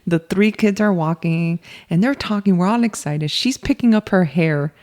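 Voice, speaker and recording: A woman co-hosting a casual podcast, telling family stories in an animated way and laughing often. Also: lowish voice, normal speed. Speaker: podcast co-host. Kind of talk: casual chat.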